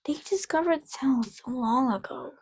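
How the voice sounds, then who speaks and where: A woman's voice: high voice, measured pace, a little mellow, husky, no room sound. A woman co-hosting a casual podcast, reading notes aloud, tripping over names and adding wry asides. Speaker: podcast co-host.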